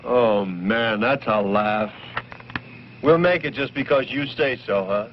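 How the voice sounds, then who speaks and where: An actor playing a defiant young hipster, mocking and slangy, in a muffled 1960s B-movie. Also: male voice, medium pitch, takes it slowly, slight background noise, natural voice. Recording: muffled old film soundtrack.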